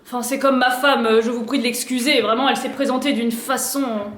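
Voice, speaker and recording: A woman's voice: a little high, fairly even intonation, a little fast, fairly bright tone, pitched below the performer's own voice, close to an everyday voice. A woman playing a flustered, blustering bourgeois husband who stammers, in an echoey room.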